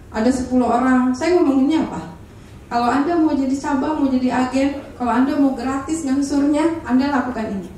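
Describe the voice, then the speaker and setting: High-voiced woman trainer in an echoey room. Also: a little hiss or hum. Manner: energetic, asks the audience for agreement again and again. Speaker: public speaking trainer. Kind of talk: live training session. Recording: echoey room, speaker far from the mic.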